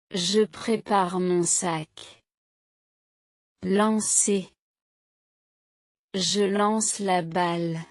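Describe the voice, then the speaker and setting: A woman teaching French vocabulary in a slow drill, saying each word and then a short sentence twice, clearly and deliberately. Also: on the low side, dry recording, clean studio sound. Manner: clear, deliberate, evenly paced.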